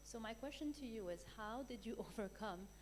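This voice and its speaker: A woman's voice: fairly high pitch, expressive, a little fast, darkish tone. A woman asking a question from the audience, politely and a little hesitantly. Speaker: audience questioner, angel investor. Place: large hall at a live event. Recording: echoey hall, noisy with hum.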